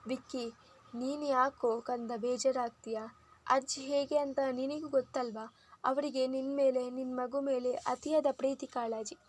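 A woman voicing a gentle middle-aged mother who speaks softly and caringly. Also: high-pitched, fairly even intonation, unhurried. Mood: tender. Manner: soft, caring.

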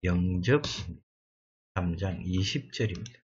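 A man leads a Bible exam review, reading verses word by word and glossing each one as he goes. His voice sits low and a little husky, and his pace is very unhurried. The recording sounds dull and lo-fi. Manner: slow, deliberate reading of English verses with Korean glosses; thinks aloud and corrects himself. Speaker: exam prep lecturer. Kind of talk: Bible exam question walkthrough.

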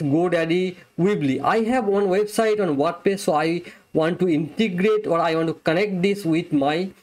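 Young man, high-pitched voice, software demo, step-by-step explaining, close webcam mic. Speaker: software reviewer. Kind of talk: screen-recorded software demo. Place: small indoor room, webcam overlay.

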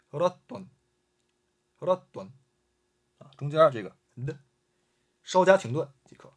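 A man's voice: mid-range voice, slightly rough. A man teaching an online language lesson, patiently repeating example words and adding frequent filler sounds.

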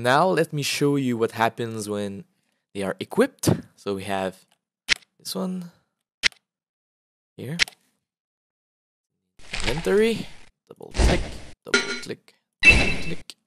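A man's voice: mid-range voice, huge pitch swings, slow pace, long pauses, heavy background noise. A man, an indie game developer, casually walking through his game prototype with frequent "uh" fillers. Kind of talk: casual gameplay walkthrough.

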